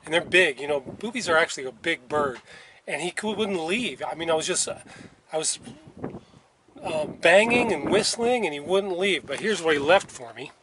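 A man's voice: on the high side, lively intonation, normal speed, noisy background. Rambling middle-aged man on a sailboat. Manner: rambling, self-talking, with restarts and muttered curses. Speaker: solo sailor vlogger. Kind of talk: casual self-filmed vlog. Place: small sailboat at sea, cabin and open deck. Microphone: handheld camera at arm's length.

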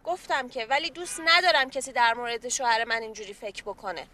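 An actress playing a polite, reserved young fiancée who complains about what people think in a sitcom. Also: female voice, a little high, pushed and bright. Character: young engaged woman, polite but fussy. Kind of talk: sitcom acting.

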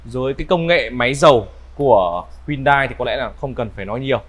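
A man in his thirties with a northern Vietnamese accent gives an unscripted used-car sales walkaround in smooth, polite, repetitive patter. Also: medium pitch, fast. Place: large indoor car showroom. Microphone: clip-on lapel mic.

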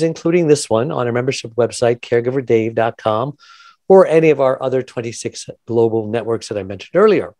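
A man's voice: medium pitch, dark tone, dry recording, clean studio sound. Upbeat man hosting a podcast. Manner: upbeat, chatty, quick promo patter. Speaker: podcast host. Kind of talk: radio-style podcast interview.

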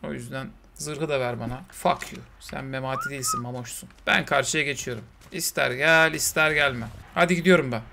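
A young man, commentating a survival game in a lively, excitable way, swearing and yelling at the creatures. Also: medium pitch, a little fast, creaky, few pauses, background noise. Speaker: gaming streamer. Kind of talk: let's play commentary.

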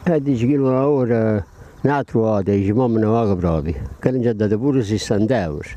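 Older male local, Neapolitan dialect, low mellow voice, informal vox pop on a handheld mic. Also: normal speed, no room sound. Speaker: local resident interviewed on the street. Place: outdoors by a wire fence. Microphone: handheld interview microphone.

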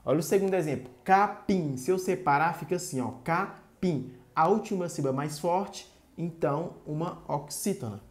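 Low, mellow-voiced Brazilian woman teacher. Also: fairly quick. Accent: Brazilian Portuguese. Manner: didactic, drawing out syllables of example words. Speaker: grammar teacher. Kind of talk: short online grammar lesson.

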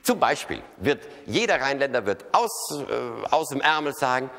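A man's voice: mid-range voice, big pitch swings, moderate pace, bright, forceful tone. A man with a Rhineland German accent doing a live cabaret monologue on an opera stage, wry and chatty, always tagging his sentences with little questions. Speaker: cabaret comedian. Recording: live hall recording, long reverb, faint noise.

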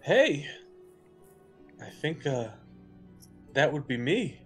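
A man acts out a friendly fantasy adventurer in a tabletop game. The delivery is slow and halting, with lively swings of pitch. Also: faint music behind, exaggerated voice. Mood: friendly, welcoming. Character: friendly adventurer welcoming a baby dragon. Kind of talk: tabletop role-play.

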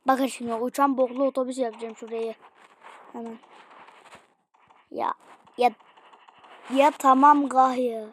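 High-voiced woman giving slow game commentary. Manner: excitable, slangy, yells at the game. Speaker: gaming channel host. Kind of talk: casual gameplay commentary.

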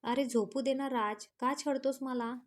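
A woman voicing a feisty, sharp-tongued young wife in a storybook romance, scolding and teasing her husband. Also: high-pitched, fairly even intonation, a little slow.

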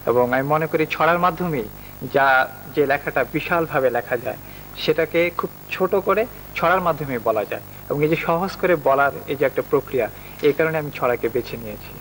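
A man's voice: on the high side, normal speed, fairly bright tone. A man with a Bangladeshi accent explaining himself as a poet guest in a television studio interview. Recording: noisy old TV studio tape.

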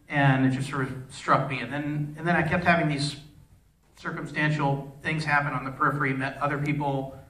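A man's voice: a little high, a bit bright. Man, director at a festival Q&A, rambling with fillers, echoey theater hall, voice from far off. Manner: rambling, restarts often, many fillers. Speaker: film director at a post-screening Q&A. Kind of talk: unscripted answers to audience questions.

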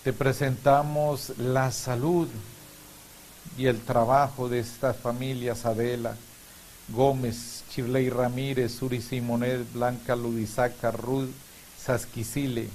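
A middle-aged man speaks as a priest at Mass, with a medium-pitched voice. His delivery is solemn and measured, with deliberate pauses between phrases. A hiss sits behind the voice. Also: little pitch movement, a little mellow, low-quality recording. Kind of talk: homily and prayers at Mass. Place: small indoor chapel room. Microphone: lapel mic. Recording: clear background hiss.

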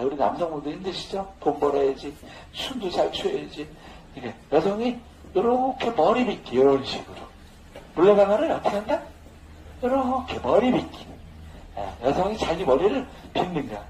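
Man, dance instructor, lively up-and-down voice, high pitch, jokey and laughing, echoey room with faint noise. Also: moderate pace. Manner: chatty, joking, laughing often. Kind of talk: casual dance lesson.

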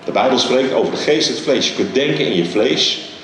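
On a church stage, a middle-aged Dutch guest preacher delivers a sermon into a handheld mic, his pitch climbing and dropping with animated emphasis and frequent pauses. The very echoey large hall carries his voice, a faint ambient hum underneath, and the mic sits far from him.

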